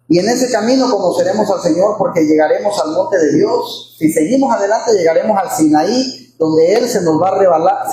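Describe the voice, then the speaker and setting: High-voiced preacher in an echoey hall. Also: male voice, darkish tone. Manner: fervent, repeats phrases, addresses listeners as brothers. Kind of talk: Sunday sermon. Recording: very echoey hall, faint background noise.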